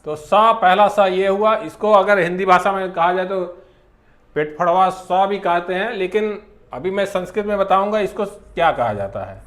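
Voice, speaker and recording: A man teaching a class, spelling out sounds one at a time in a slow, deliberate lecture. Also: sits high, fairly bright tone.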